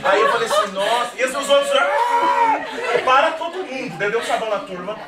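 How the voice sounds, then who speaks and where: A man's voice: extremely high pitch, lively intonation, very fast, heavy background noise. A man teaching a literature class, joking and often laughing as he checks in with the students. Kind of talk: classroom lecture. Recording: echoey classroom from far off, student chatter.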